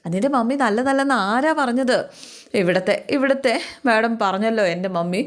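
A woman voicing a wronged young woman who complains through tears in a halting way. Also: a little high, close to an everyday voice. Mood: tearful.

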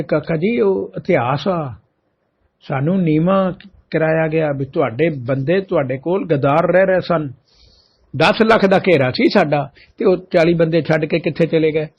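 A man delivers a spiritual talk, his voice slightly husky and set a little higher than most men's. He tells stories with animation, playing out both sides of remembered exchanges. The recording is muffled and lo-fi. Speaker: katha preacher. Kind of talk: religious storytelling talk.

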